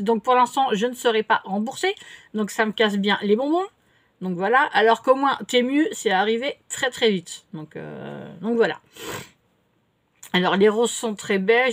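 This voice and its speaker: A middle-aged woman, chatting casually at home as she answers her viewers' comments, rambling with many fillers and restarts. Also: a little high. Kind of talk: casual chat. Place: home, indoors.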